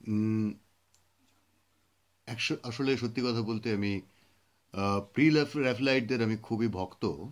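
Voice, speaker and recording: A man reading and talking about poetry, telling the story behind the poems in an unhurried way with thoughtful pauses. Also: on the low side. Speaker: poetry reader and speaker. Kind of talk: reflective spoken commentary on poetry.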